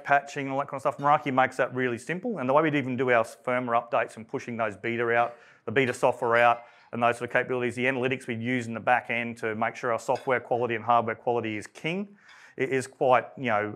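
An Australian man gives a live technical presentation, and he talks very quickly. His delivery is casual, with lots of "um"s and restarts, and he calls his own voice monotone. His pitch sits mid-range for a man. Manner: rapid, conversational, with many fillers and restarts; self-described monotone. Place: event room.

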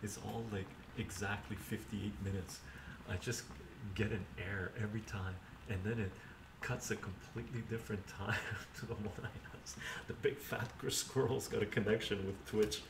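With a lowish voice, vocal fry, a steady tone and a moderate pace, an older man narrates each step aloud while cooking on a live stream from his home kitchen, chatting easily and reading chat. A distant camera mic gives the audio a roomy, noisy feel.

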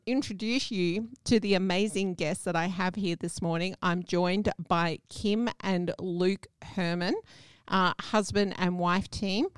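A woman's voice: mid-range voice, smooth, no echo. An older woman hosting a radio interview, chatty and giggly as she asks questions. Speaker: radio host. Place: small radio studio. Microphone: freestanding microphone.

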